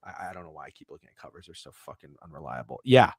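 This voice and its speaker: Animated, excitable male betting podcaster. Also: extremely low pitch, racing, breathy edge, no room sound, clean studio sound. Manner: animated, excitable, swears freely, stumbles over words. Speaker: sports betting podcast co-host. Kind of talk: casual chat.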